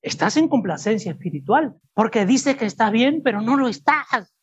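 A husky man preaches to his church congregation, pressing his points and throwing questions back at the room. The recording sounds muffled and dull. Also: very high voice, expressive, normal speed. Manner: emphatic, asks the congregation rhetorical questions. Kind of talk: sermon. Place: church service before a congregation.

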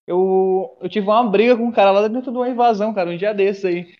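A man's voice: high voice, quick pace, highs cut off. A young man, telling a rambling, profane story to friends over a call, full of restarts. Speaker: guest. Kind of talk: casual storytelling among friends. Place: bathroom, during an online class.

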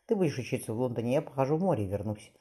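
A man's voice: medium pitch, animated, rapid-fire, mellow, natural voice. A man reading a weary grieving sea captain in his fifties. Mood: weary, tender. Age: 50s. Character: grieving older male sea captain, gruff but loving.

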